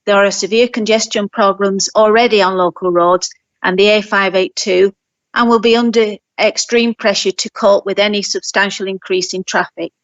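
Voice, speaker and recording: Woman, over the phone, ward councillor, formal prepared statement, steady reading, muffled phone audio, mid-pitched voice. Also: normal speed. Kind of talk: formal statement to a planning committee.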